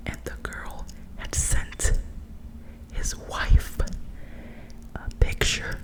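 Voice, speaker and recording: A woman's voice: very slow, low-quality recording. Whispering young woman telling gossipy ASMR stories. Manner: gossipy, chatty and casual, full of slang; animated, dramatic retelling with quoted reactions. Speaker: ASMR storyteller.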